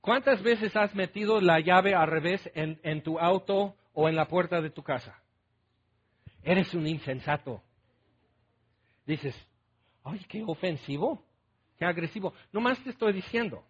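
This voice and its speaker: A man delivers a sermon in a notably high voice, talking to his listeners as if in conversation. He keeps asking rhetorical questions and playfully voicing their objections. The sound is dull and lo-fi, as from a radio broadcast. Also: slightly rough. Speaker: preacher.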